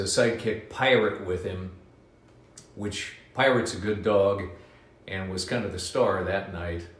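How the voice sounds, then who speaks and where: A man hosting a live children's book reading from his home, telling the story in an animated, sing-song way. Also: fairly low pitch. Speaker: radio host reading to kids. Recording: roomy home echo.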